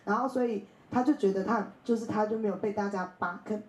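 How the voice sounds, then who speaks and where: A woman's voice: medium pitch, fast, roomy sound, rough recording. A woman in her thirties from Taiwan, speaking, tells personal stories at a bookstore talk, often laughing and acting out other people's voices. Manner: animated, laughs often, acts out quoted voices. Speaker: invited speaker. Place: bookstore event space.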